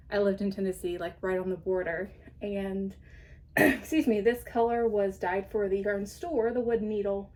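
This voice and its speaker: A woman's voice: medium pitch, a little mellow. A woman hosting her podcast in a casual show-and-tell chat, rambling along with frequent ums and light laughs, slightly out of breath. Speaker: podcast host.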